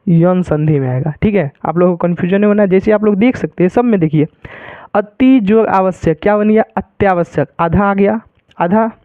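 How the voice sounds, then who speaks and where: A man teaching Hindi grammar who explains slowly and keeps repeating each example as a question to his students. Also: high-pitched, dry recording. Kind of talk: grammar lesson. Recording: tinny phone-like sound.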